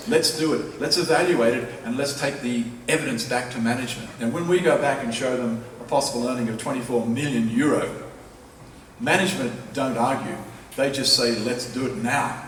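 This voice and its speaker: Speaking with a sharp tone at medium pitch, this professor delivers a public lecture, emphatic and persuasive, stressing points by repeating key phrases. It's recorded in a large university lecture hall from a distant mic, so it's echoey with faint noise.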